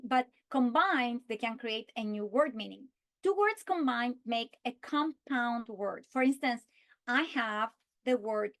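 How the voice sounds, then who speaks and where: Woman walking teachers through a lesson plan. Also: on the high side. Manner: slow, deliberate delivery, stretching key words when modeling. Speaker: teacher trainer. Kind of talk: instructional walkthrough with modeled lesson script.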